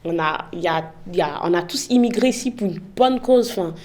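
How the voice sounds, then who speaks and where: A woman's voice: lowish voice, expressive, fairly quick, a little mellow. A young woman giving frank, impassioned interview answers, often tagging her points with "en fait". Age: young adult. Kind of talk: candid interview testimony.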